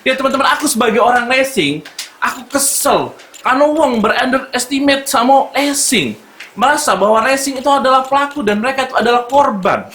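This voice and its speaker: A man with a Palembang accent performing a stand-up comedy set, telling his story with big swings between shouts and low asides. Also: expressive, a little fast. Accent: Palembang Malay. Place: stage at a live comedy show. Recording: echoey venue, loud background noise.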